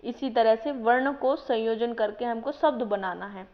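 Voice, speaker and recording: A woman's voice: on the high side, measured pace. A woman teaching a language lesson who reads each word out and then explains what it means. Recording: dull lo-fi voice-over.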